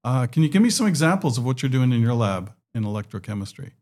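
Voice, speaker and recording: A man's voice: mid-range voice, very animated, fast talker, darkish tone. A man hosting a podcast, asking questions in a friendly way and often repeating words as he thinks. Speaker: podcast host. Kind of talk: conversational interview.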